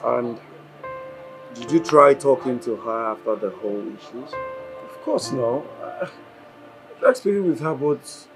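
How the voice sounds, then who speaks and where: A man's voice: mid-range voice, slow, long pauses, music in the background, poor audio. An actor with a Nigerian accent playing a man urging his friend to talk to his girlfriend. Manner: pleading, lively. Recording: film score under dialogue.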